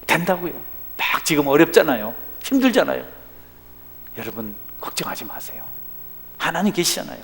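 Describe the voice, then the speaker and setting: Animated man preaching in a reverberant hall. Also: a little high, moderate pace, gravelly, pauses often. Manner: animated preaching with dramatic swings in loudness. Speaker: pastor. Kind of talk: sermon. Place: church sanctuary.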